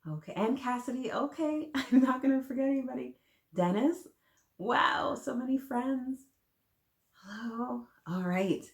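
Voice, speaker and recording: Speaking at a measured pace in a high-pitched voice, a woman leads story time for small children, reading to them and asking simple, encouraging questions directly. Her voice echoes around a roomy space.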